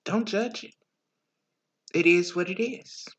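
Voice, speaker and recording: A woman's voice: mid-range voice, takes it slowly, breathy edge, muffled recording. A woman giving a reflective spiritual monologue as a teacher, in a preaching manner.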